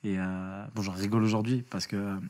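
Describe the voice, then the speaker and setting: A man speaking as an interview guest, telling a story in a casual, lively way, with slang, swearing and many restarts. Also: on the low side, fast talker.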